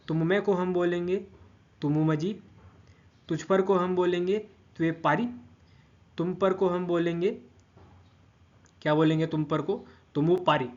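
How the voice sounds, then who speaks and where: A man's voice: sits high, darkish tone. Patient man teaching grammar, lo-fi. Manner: patient, repeats each form, checks in with frequent "theek". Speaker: language teacher. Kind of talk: explanatory grammar lesson.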